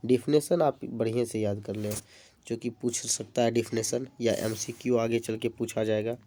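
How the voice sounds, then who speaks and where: A man's voice: mid-range voice, steady tone, normal speed, mellow, slight background noise. A man teaching an exam-prep grammar lesson, explaining definitions step by step with examples. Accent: Bihari-tinged Hindi.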